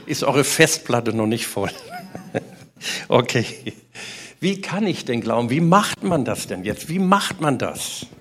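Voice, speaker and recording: A man preaching a sermon to a congregation, animated and asking rhetorical questions. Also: mid-range voice, slow.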